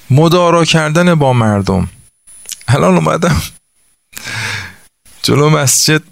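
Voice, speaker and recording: A man's voice: mid-range voice, creaky, no room sound. A man preaching a sermon, telling religious stories and acting out the voices of the people in them, asking his listeners questions as he works through sums. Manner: acts out voices in the stories he tells.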